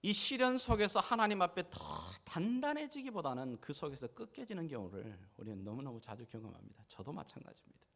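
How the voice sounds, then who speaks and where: A pastor delivers a passionate sermon, moving from hushed tones to loud peaks. His voice sits a little high for a man and swings widely in pitch. The sound rings through a large, reverberant church hall. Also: big pitch swings, a little fast, gravelly.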